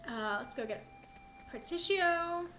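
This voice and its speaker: A woman's voice: on the high side, fairly quick, fairly bright tone. A young woman from Canada giving casual, rambling live commentary on her video game speedrun, chatty and self-deprecating. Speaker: speedrunner streamer. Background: faint game music.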